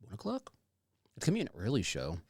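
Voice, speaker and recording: A man's voice: lowish voice, wildly swooping pitch, fast, a little mellow, slightly rough, no echo, clean studio sound. A man hosting a podcast in casual chat, rambling and playful, with some swearing. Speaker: podcast host.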